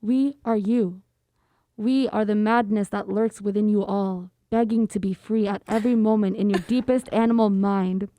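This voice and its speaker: A woman voicing a calm, menacing male test subject, reading a horror story aloud slowly and deliberately. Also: medium pitch, slight background noise, lightly acted. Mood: eerie.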